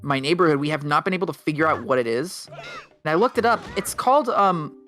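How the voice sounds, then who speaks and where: A man chats on a casual game stream, his pitch leaping around as he rambles from one tangent to the next. He jokes constantly and laughs easily. Faint game music plays quietly behind him. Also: expressive. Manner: rambling, joking, quick to laugh. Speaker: streamer playing a video game.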